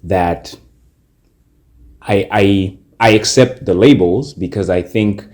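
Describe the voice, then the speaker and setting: A man from Zimbabwe co-hosting a casual podcast chat, relaxed and thoughtful, with frequent fillers. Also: fairly low pitch, takes it slowly. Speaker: podcast co-host.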